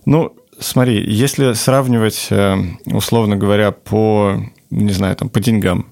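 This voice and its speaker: A man with a low voice answers in a casual interview. He explains things like a team lead, softening his points with hedges. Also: fairly even intonation, unhurried, creaky. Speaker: design lead being interviewed.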